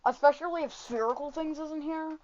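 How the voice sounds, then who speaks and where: A woman hosts a loose, casual podcast chat, rambling from topic to topic with plenty of swearing and quick asides. Her voice sits a little high, and the recording sounds dull and lo-fi. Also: a little mellow. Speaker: podcast host.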